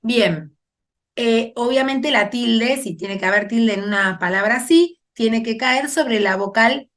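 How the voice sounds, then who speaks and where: A woman's voice: on the high side, measured pace, fairly bright tone. A woman teaching a grammar lesson, explaining patiently and checking in with her students as she goes.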